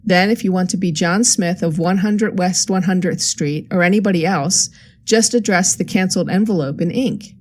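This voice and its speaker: A cheerful, scheming young forger who is pleased with her own cleverness, voiced by a woman narrator. She talks with confident, faintly superior breeziness in a slightly low, warm register, as in a read-aloud crime story. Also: moderate pace, close to an everyday voice.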